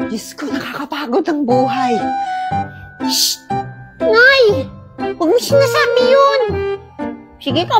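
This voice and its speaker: A woman performing a comedy skit, bickering playfully. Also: very high voice. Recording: music behind. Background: music.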